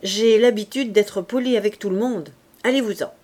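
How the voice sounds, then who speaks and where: A woman's voice: mid-range voice, warm tone, natural voice. A woman reading a curt, firm innkeeper. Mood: cold. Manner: measured, firm.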